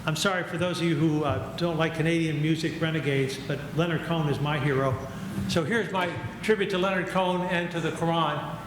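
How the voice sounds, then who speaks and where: An older male guest lecturer speaking in a measured, reflective way, with gentle humor, giving a lecture and taking questions. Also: fairly high pitch. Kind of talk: academic lecture and Q&A. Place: lecture hall. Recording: echoey hall with ambient noise.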